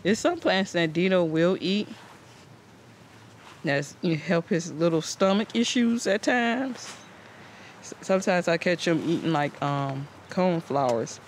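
A man with a high-pitched, animated voice takes his time as he hosts a casual, rambling garden tour for his home gardening channel. It was filmed outdoors on a handheld camera, and the camera's microphone picks up the ambient noise around him.

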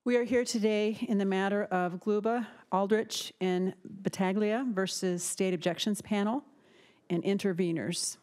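A woman's voice: mid-range voice, steady tone, a little slow, darkish tone. A woman in her fifties presiding over a court and formally opening the session. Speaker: chief justice presiding. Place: large courtroom. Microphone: gooseneck bench microphone.

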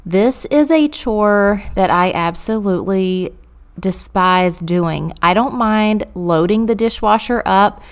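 A woman's voice: fairly low pitch, smooth. A woman, chatting through a clean-with-me voice-over and telling stories from her childhood. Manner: chatty, storytelling, amused. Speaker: vlogger.

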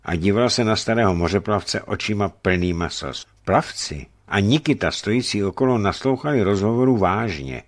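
A man reading a novel aloud for radio with expressive storytelling narration. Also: fairly low pitch, hardly any pauses. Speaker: reader.

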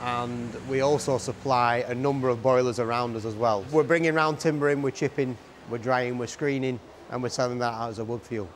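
A man who owns a farm contracting business, answering interview questions outdoors in a farm yard in a steady, agreeable way and often repeating his words. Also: medium pitch, a little fast, hardly any pauses, a little hiss or hum.

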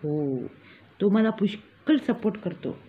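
Animated yet taking her time, a woman's medium-pitched voice comes through a tinny, phone-like recording with a little hiss or hum. In a comic monologue she's a scheming village mother and con artist, smugly bragging and mocking with glee.

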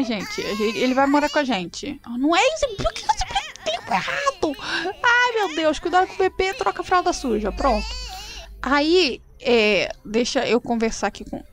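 A Brazilian woman casually commenting on a life-sim game, animated and dramatic, voicing her character's lines. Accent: Brazilian Portuguese. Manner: animated, swings into high dramatic outbursts. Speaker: gameplay streamer.

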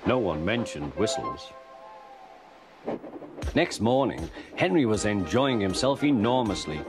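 A man narrating a children's story in a dramatic, expressive way, over loud music. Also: fairly low pitch, unhurried.

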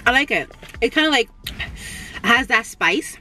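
A young woman from Canada reviewing fast food in a casual mukbang while she eats in a parked car, humming appreciatively between bites. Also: a little high, animated, sharp tone, slight background noise. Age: young adult. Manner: chatty, eating between remarks, lots of appreciative hums. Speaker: food vlogger. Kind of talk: casual mukbang tasting chat. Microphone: camera on the dashboard.

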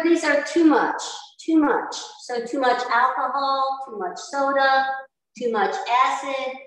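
A woman's voice: fairly high pitch, distant mic. An older woman, a chef, giving a chatty, emphatic community TV talk on healthy eating, with an American accent. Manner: chatty, emphatic, repeats for stress. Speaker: cooking instructor. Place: indoor community center room with posters. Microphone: far camera, no visible mic. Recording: roomy echo, voice off-mic.

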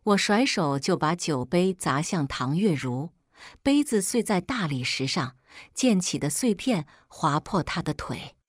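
A woman narrates a first-person drama story with emotional, expressive delivery. Her voice sits on the low side and moves widely in pitch. The recording is dry and close, with no room sound. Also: measured pace, no echo. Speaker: audiobook narrator.

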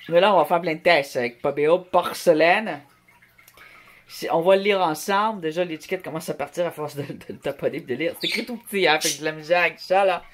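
A woman's voice: lowish voice, noisy background. A woman with a Québécois French accent, casually chatting and joking as she reads a paint label aloud for a craft video at home. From Canada. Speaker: craft vlogger. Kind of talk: casual product review. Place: home, with a noisy pet bird.

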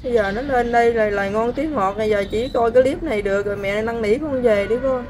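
Middle-aged mother, high bright voice, earnest repetitive pleading; light ambient noise. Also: quick pace, rough recording. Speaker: mother pleading for her daughter. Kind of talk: emotional plea to camera.

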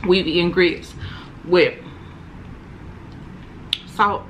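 A woman's voice: fairly low pitch, steady tone, drawn-out words, a little hiss or hum, rough recording. A woman vlogging an eating show, talking to viewers with her mouth full. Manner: chatty, addresses viewers as y'all. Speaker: mukbang vlogger. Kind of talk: casual eating-show chat. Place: outdoors in sunlight.

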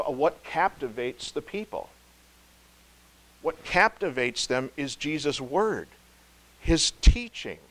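A male pastor giving a devotional sermon, emphatic, slowing to stress key words and dropping low and soft. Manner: emphatic, slow stress on key words, wide swings in loudness.

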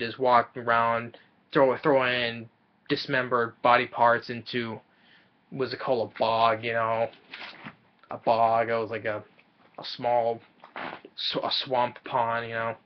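Halting young man recapping a movie. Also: medium pitch, muffled recording. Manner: halting, stumbling over repeated words. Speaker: movie reviewer. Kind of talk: casual plot recap. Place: small room indoors.

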